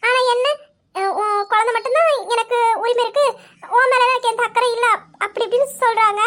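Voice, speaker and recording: A tender young daughter-in-law in a family audio drama, voiced by a woman. Her voice is very high and soft, and she speaks with tearful, pleading emotion. She sounds young and vulnerable. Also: fairly even intonation, brisk. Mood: hurt.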